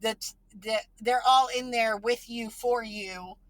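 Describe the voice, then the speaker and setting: A woman's voice: on the high side, steady tone, slow pace, a crowd in the background. A woman hosting a podcast and talking about her child, earnest and emotional, full of fillers and restarts. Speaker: podcast host and parent. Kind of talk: casual conversation.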